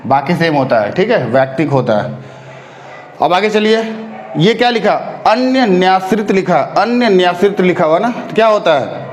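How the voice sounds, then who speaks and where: A man's voice: sits high, expressive, normal speed, echoey room, a little hiss or hum. A man teaching an exam-prep spelling lesson, drilling the correct form of each word by repeating it and checking in with his students again and again. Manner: drills correct forms, repeating words with frequent check-ins.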